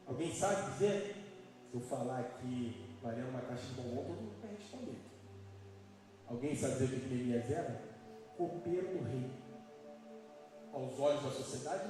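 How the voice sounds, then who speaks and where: A man preaching a live sermon as pastor, emphatic and questioning his congregation. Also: medium pitch. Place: church hall. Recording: echoey hall from far off, music behind.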